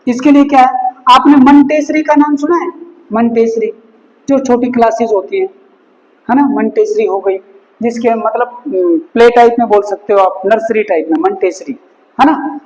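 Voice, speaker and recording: A male chemistry teacher who gives a classroom lesson, slowly repeating each term and mixing in words. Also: very high-pitched, darkish tone, lo-fi sound. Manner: slow and repetitive, drills each word several times; mixes Hindi with English terms. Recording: long reverb, echoey hall.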